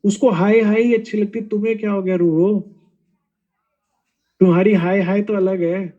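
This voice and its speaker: A male preacher delivers a devotional sermon in a fairly high, mellow voice. He scolds his listeners with pointed rhetorical questions and mocking asides. The recording sounds dull and lo-fi. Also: flat delivery, normal speed. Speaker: spiritual preacher.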